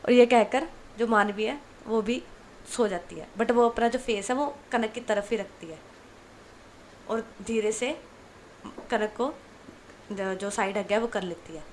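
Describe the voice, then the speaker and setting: A woman's voice: a little high, a little slow, long pauses, a little hiss or hum, poor audio. A woman hosting a channel, narrating a love story in a chatty, casual way with English words mixed in.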